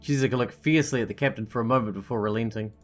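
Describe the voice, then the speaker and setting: A woman's voice: very deep voice, rapid-fire, faint music behind. A woman doing a let's play, reading game narration aloud and adding casual commentary.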